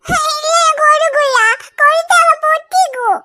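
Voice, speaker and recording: Cartoon little girl, very high squeaky voice, very bright tone, whiny, stubborn, teary. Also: moderate pace. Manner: whining, crying pleas. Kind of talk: cartoon voice acting.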